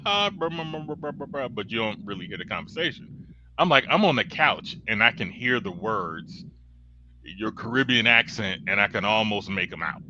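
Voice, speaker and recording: A man's voice: lowish voice, bright, forceful tone, highs cut off, slight background noise. A man co-hosting a podcast in casual chat, telling stories animatedly and swearing freely. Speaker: podcast co-host.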